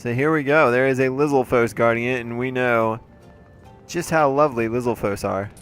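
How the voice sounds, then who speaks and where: Faint music plays as a let's play host, speaking at normal speed in a medium-pitched voice, riffs playfully and chattily on the game in front of him with jokes on the side. His voice is a bit congested, and his throat sounds a little off.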